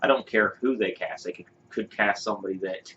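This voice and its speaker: Here a podcast co-host talks fast, his fairly low voice sounding pushed and bright. He offers opinions in a loose, casual chat, full of fillers and false starts. Faint hiss runs under the dull, lo-fi audio.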